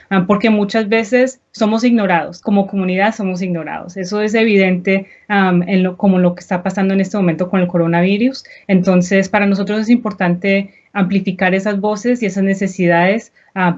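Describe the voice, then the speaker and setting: A woman's voice: medium pitch, a little mellow. Earnest woman on a dull video call. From Medellín, Colombia. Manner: earnest, explanatory. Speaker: guest, executive director of an education nonprofit. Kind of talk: live online interview. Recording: dull lo-fi live-stream audio.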